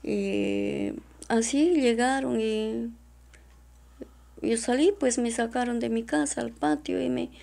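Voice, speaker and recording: Distressed woman with a gravelly voice. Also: on the high side, fairly even intonation, mellow. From Peru. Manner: halting and repetitive, often addressing the interviewer as doctora. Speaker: witness. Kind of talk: emotional testimony in an interview.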